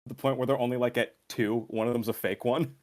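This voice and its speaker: A man's voice: medium pitch, fairly even intonation, a little fast, darkish tone. A man co-hosting a podcast, talking casually and enthusiastically about a movie he loves. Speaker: podcast co-host.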